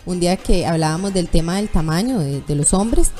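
A woman's voice: lowish voice, brisk, faint music behind. A woman in her thirties, a guest on a chat show, telling candid personal stories and acting out the voices she quotes. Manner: animated storytelling, acts out quoted voices.

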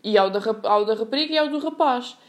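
Fast-talking young Portuguese woman. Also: on the high side. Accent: European Portuguese. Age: young adult. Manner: chatty, slangy, laughs at her own story. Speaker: podcast host. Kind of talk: casual storytelling monologue.

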